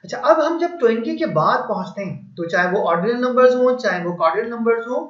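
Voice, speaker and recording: An English teacher with a fairly high voice walks through grammar slowly and patiently, building each point with examples in an expressive way. A certain tinge colours his speech. The recording sounds echoey and roomy, with a slightly dull, muffled quality.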